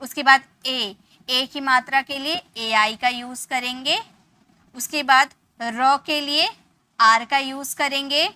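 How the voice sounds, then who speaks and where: Bright, high-voiced woman teaching spelling. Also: no room sound. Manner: patient, repeats words slowly to show their sounds. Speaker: English teacher. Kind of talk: spelling lesson.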